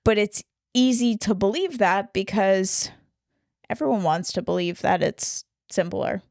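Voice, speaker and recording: A woman's voice: mid-range voice, unhurried, creaky, darkish tone, no room sound, clean studio sound. A woman co-hosting a casual film discussion podcast, explaining ideas in a sarcastic, laughing way. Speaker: podcast co-host.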